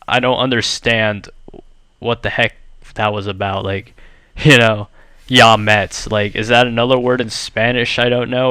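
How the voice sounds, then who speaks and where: A man's voice: fairly low pitch, a bit bright, smooth, dry recording. A young man chatting casually over gameplay, telling a story in a rambling way full of "like" and "you know.". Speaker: gaming channel host.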